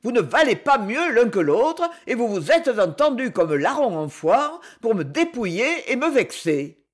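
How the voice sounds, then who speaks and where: A man's voice: high-pitched, huge pitch swings, normal speed, exaggerated voice. A man voicing a fearful, grumbling old male chiseler, exasperated in a storybook reading.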